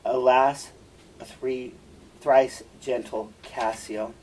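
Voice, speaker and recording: A man reading the part of Desdemona, a gentle and troubled young wife, in a class reading of a play. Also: mid-range voice, steady tone, very slow. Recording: distant mic, faint room noise.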